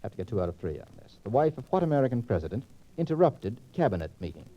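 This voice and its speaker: On a muffled 1940s radio transcription disc, a man hosts a panel quiz show at a racing clip. His voice is medium in pitch with big swings, and his moderating is precise, wordy, and teasing.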